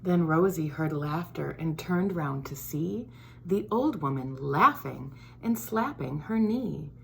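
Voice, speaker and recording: Reading a picture book to children, this school board member uses an animated, lilting delivery that occasionally drops into a whisper. She speaks slowly in a low, gravelly voice, and there's a slight hiss or hum underneath.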